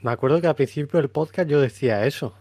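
A man's voice: fairly high pitch, quick pace, warm tone, no echo. Easygoing Melillan man, dry close sound. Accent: Melillan Spanish. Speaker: podcast co-host. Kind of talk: casual chat.

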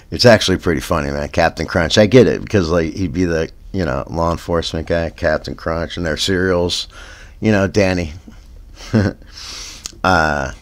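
Deadpan headline reading gives way to rambling, stoner-style digressions that peter out with "man." The speaker is a man with a Canadian accent and a fairly low pitch, hosting a parody news podcast as its comedy host.

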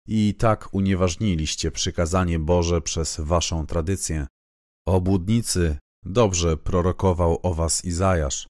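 Low-voiced guy reading the bible, steady and solemn, dry close sound. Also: no room sound. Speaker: Bible reader. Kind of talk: scripted scripture reading.

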